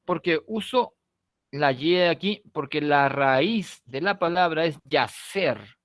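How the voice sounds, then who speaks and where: A man's voice: fairly high pitch, dry recording. Peruvian man teaching, dry close sound. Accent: Peruvian Spanish. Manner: explanatory, checks in with frequent tag questions; stretches key words slowly, trails off softly at phrase ends. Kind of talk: recorded online class lecture.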